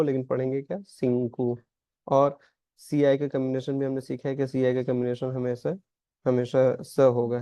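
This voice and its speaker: A man's voice: medium pitch, warm tone, no echo. Man teaching Portuguese numbers, dull lo-fi. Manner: explains in Hindi, reads out Portuguese examples slowly. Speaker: language teacher. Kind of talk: recorded lesson. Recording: dry, slightly dull lo-fi sound.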